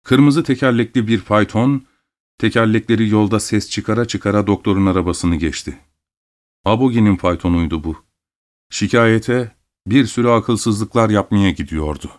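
A man narrating a literary story in a measured, grave reading with deliberate pauses. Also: lowish voice. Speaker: audiobook narrator.

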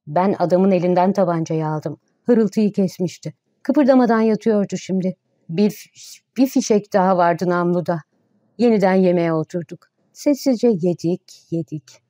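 A woman narrating a story in a steady, measured reading. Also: lowish voice, no echo. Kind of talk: audiobook narration.

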